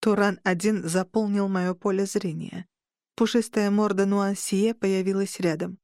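A woman reading a first-person audiobook in a measured, steady way on a close mic. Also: mid-range voice, dry recording. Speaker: audiobook narrator.

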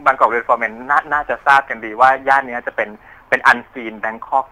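Quick, bright-voiced male caller. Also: medium pitch, steady tone, rough recording. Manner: hesitant, repeats words while storytelling. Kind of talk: casual call-in chat.

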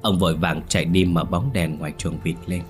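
Male horror narrator, very deep voice, steady dramatic telling, faint music underneath. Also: brisk. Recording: soft music bed.

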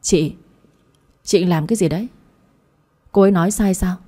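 A curt, defensive younger brother voiced by a woman narrator who snaps at his sister. The tone is low and husky, mellow rather than bright. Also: normal speed. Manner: curt, snapping.

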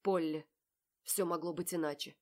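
A woman's voice: on the low side, fairly even intonation, moderate pace, dark tone, natural voice. A woman reading an audiobook, voicing a cold, self-assured young man who speaks in a curt, mocking way. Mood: menacing. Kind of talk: audiobook character voice.

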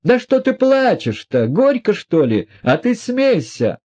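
A man's voice: sits high, huge pitch swings, slow, darkish tone, muffled recording, pitched above the performer's own voice, heavily acted. A man voicing a proud, bitter young woman. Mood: defiant scornful. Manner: mocking, defiant. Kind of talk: audiobook character reading.

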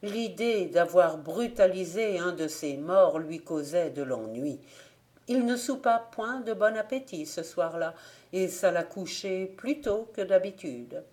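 A woman narrates an old tale as an audiobook reader, measured and deliberate. Her voice sits slightly low and she takes her time with every phrase. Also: darkish tone.

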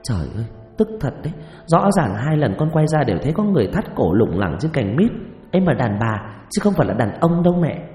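A man's voice: mid-range voice, very animated, brisk, darkish tone, natural voice. A man putting on a panicky, stammering young village woman. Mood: pleading. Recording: echoey reverb with faint music.

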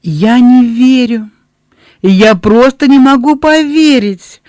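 A man reading aloud, voicing an excitable mother of young children who exclaims loudly and gushes. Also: fairly low pitch, normal speed, no room sound, clean studio sound, close to an everyday voice. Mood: ecstatic. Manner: loud, exclamatory and gushing.

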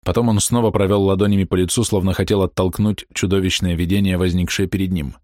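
A man narrating a novel in a measured audiobook read. His voice is low and the recording is close and dry. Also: flat delivery, a little mellow, no echo.

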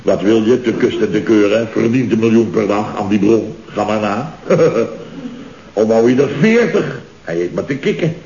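An actor playing a chatty, boastful boss of a construction firm in a 1960s radio comedy, talking in rambling, jovial asides. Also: male voice, fairly low pitch, animated, normal speed, mellow. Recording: dull, roomy old radio recording.

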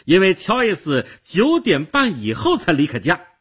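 A man's voice: medium pitch, sing-song, moderate pace, breathy edge. A man voicing a jealous, furious young woman who shrilly accuses a liar in a radio storytelling. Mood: accusing.

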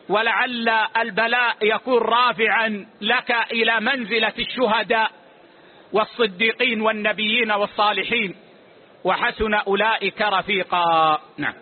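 A man, a religious scholar, giving a lesson and answering questions in a measured, authoritative way, closing each answer with a short word. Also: high-pitched. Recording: tinny phone-like lo-fi recording.

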